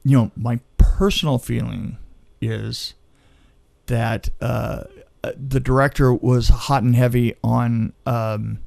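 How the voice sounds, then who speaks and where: A film crew veteran on a podcast spins casual, conversational stories from behind the camera, playing out the exchanges he quotes. His voice is medium in pitch, slow, creaky, and a little mellow, with a steady tone. There's no room sound.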